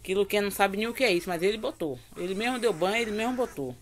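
Against a noisy background, a home vlogger from Bahia, Brazil chats in rapid-fire, expressive Bahian Brazilian Portuguese with a mid-range voice. She cooks in her kitchen and fondly coos at a baby as she talks.

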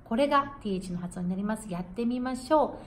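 A woman who sings jazz and coaches English pronunciation, giving a friendly, encouraging lesson and repeating each word slowly to demonstrate the sound. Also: a little high, animated. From Japan.

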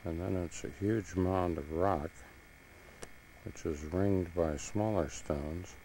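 A man narrating his own home video while sightseeing outdoors, in an unhurried, plain manner, heard from an old VHS tape through a camcorder mic. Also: sits low, fairly even intonation, warm tone, slight background noise, poor audio. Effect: old VHS tape sound. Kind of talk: casual travel narration.

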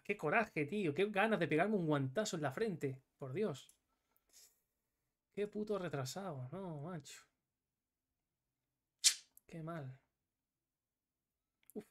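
A man's voice: a little high, fairly bright tone. Man, live game commentary, swears and scolds himself. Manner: swears often and scolds himself, in bursts of frustration. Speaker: streamer.

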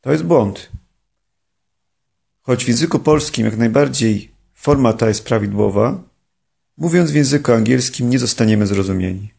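Male language teacher, scripted, measured delivery, some fry and a raspy edge. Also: mid-range voice, lively intonation, a little mellow. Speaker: English pronunciation teacher. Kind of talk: scripted instructional narration.

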